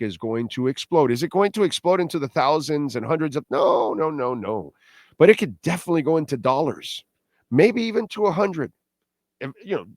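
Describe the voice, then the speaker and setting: A man's voice: medium pitch, no echo. Emphatic man, casual show host, dry sound. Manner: emphatic, repetitive, punctuated with rhetorical questions; blunt, self-deprecating, salty slang. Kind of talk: casual, opinionated monologue to viewers.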